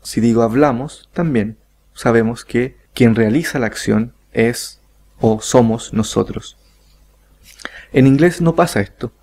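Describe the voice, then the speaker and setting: Slow, gravelly-voiced male teacher. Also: mid-range voice, a little mellow. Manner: slow, deliberate, repeats example sentences. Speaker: English teacher. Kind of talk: online grammar lesson.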